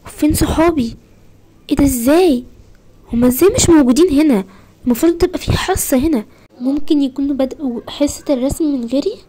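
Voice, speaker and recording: A woman with an Egyptian Arabic accent voicing a young schoolgirl who has been left alone, narrating a first-person role-play story in rapid, breathless, exclamatory bursts. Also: high-pitched, mellow. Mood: worried.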